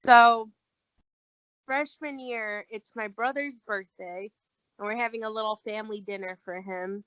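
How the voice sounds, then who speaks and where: A woman's voice: fairly high pitch, a little slow, dry recording. A young woman tells a personal story as a guest, chatting casually. She voices the people she quotes as she goes. The recording is dull and lo-fi, with a dry room. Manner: animated, acts out quoted dialogue.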